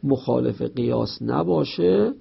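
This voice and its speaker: A man with a gravelly, slightly husky voice teaches a lesson on rhetoric. He explains each point with everyday examples and reads out Arabic lines from the textbook. The recording sounds somewhat dull and muffled. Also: mid-range voice, expressive.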